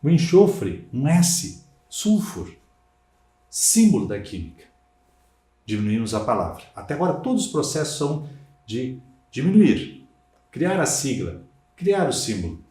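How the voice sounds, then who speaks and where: A man from Brazil teaching Portuguese in a recorded exam-prep lecture, with lively, emphatic delivery and frequent rhetorical tags. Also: medium pitch, a little slow, long pauses. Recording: echoey room.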